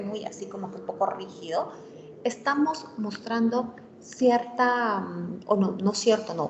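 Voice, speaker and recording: A woman giving a career workshop lesson to students. She explains step by step and often asks for agreement with rhetorical tags. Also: mid-range voice. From Peru. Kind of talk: online lecture to students. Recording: roomy, dull, faint room noise.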